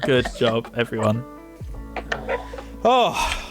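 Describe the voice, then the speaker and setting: A man's voice: mid-range voice, big pitch swings, extremely slow, over loud music. A young man, streaming from his desk and chatting casually, swearing freely and interrupting himself. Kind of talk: casual livestream chat.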